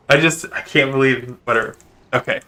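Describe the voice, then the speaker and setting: A man giving live commentary while playing a game, venting his irritation at teammates and trying to calm himself down. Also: medium pitch. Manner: exasperated, venting, then calming himself down. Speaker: gamer.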